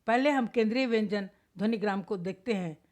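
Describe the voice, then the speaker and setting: A woman teaching Hindi grammar, reading a lecture from notes and sounding out each example word slowly and deliberately. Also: mid-range voice, a little mellow.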